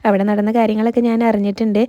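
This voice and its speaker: Malayali woman, casual serial recapper; quick, level delivery, very mellow tone, dry close mic. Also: mid-range voice, flat delivery, dry recording, highs cut off. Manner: retells scenes, quoting characters, frequent "ട്ടോ" tags and "ഏഹ്" fillers.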